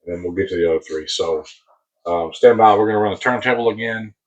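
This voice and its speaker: An American man rambling casually as he hosts a hobby unboxing video, husky, on a close mic that sounds boomy and muffled, like inside a submarine. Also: fast. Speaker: host of a diecast car collecting channel. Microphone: new mic placed very close.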